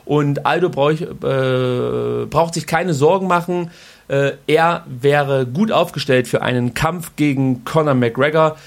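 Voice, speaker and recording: A male podcast host talks through the news in a loose, conversational way, slipping in crude slang now and then. His voice sits a little higher than most men's. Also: takes it slowly, vocal fry. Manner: informal and colloquial, with crude slang. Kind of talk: casual news commentary podcast.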